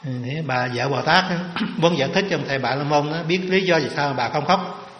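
A man's voice: a little high, a little fast. A man, a monk telling a story in a sermon with folksy asides. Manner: folksy, lively retelling with jokes and asides. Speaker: monk giving a dharma talk. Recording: echoey reverberant hall.

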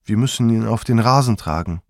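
A man calmly narrating his memoir in a measured storytelling manner. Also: fairly low pitch, dry recording, studio quality.

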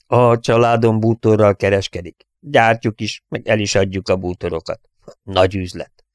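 A man's voice: lowish voice, fairly even intonation, dry recording, studio quality, lightly acted. A man voicing an earnest young male bomber pilot in an audiobook reading, with a slightly lifted, eager delivery. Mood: hopeful.

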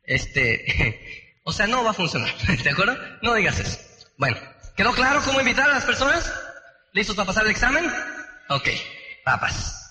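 A man's voice: high-pitched, big pitch swings, normal speed, pauses often, bright, forceful tone. A man, teaching a live seminar, playing out both sides of sales conversations and quizzing the audience. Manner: acts out both sides of sales dialogues, asks the audience questions. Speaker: business trainer. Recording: echoey hall, live talk.

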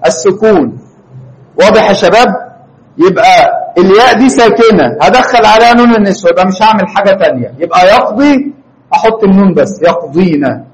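A man's voice: sits high, rough recording. Man teaching grammar in Egyptian Arabic. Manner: questioning, prompts students for answers. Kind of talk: classroom lesson.

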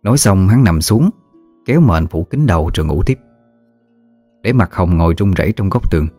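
A man narrating a ghost story in a measured, somber manner. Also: low voice, lively intonation, mellow, soft background music.

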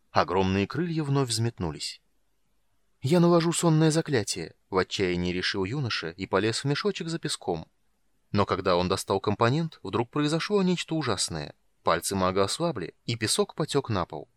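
A man narrating a fantasy audiobook with a lively, dramatic delivery. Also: lowish voice, no room sound. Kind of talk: expressive fantasy audiobook reading.

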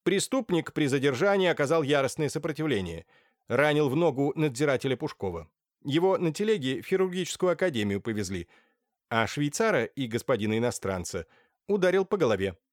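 A man's voice: medium pitch, very animated, brisk, dry recording, clean studio sound, pitched above the performer's own voice, natural voice. A man voicing an experienced, composed police inspector who reports in a clipped, businesslike way. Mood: matter-of-fact.

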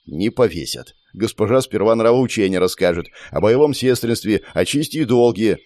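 Grumbling veteran woman soldier and protective mother, as a male reader puts her on; gruff and stubborn. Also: fairly low pitch, animated, normal speed, darkish tone, dry recording, clean studio sound, close to an everyday voice.

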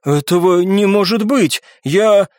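A man doing a shouting arrogant young viscount. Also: high voice, very animated, moderate pace, dry recording, clean studio sound, pitched above the performer's own voice. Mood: indignant. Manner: shouting, indignant. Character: hot-headed young male viscount, arrogant and defensive.

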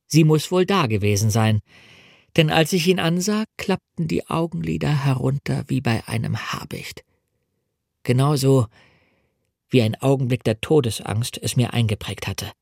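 A man reading a novel aloud as an audiobook in a measured, dramatic first-person storytelling manner, in a studio. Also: mid-range voice, vocal fry, no echo. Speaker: audiobook reader. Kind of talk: scripted audiobook narration.

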